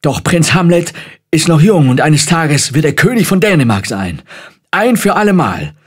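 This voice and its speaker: A man reading a children's audiobook, voicing an older father and royal adviser who is agitated and scolding, with a husky voice. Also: a little high, sing-song, moderate pace, voice pushed up. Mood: stern. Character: fussy, stern old father and royal adviser.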